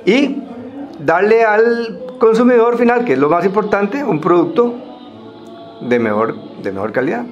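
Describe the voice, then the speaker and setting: A Costa Rican man speaking semi-formally to a group, explaining things in a halting way with pauses and repeated words. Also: high-pitched, big pitch swings, dull audio, faint music behind.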